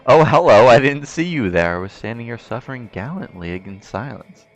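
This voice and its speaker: A man's voice: fairly low pitch, brisk, natural voice, poor audio. A man voicing a self-pitying schoolgirl princess in a theatrical, melodramatic manner.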